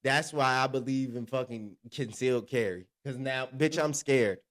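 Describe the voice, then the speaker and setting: A man's voice: mid-range voice, normal speed, fairly bright tone. Teasing man in podcast banter. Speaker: podcast co-host. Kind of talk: casual chat.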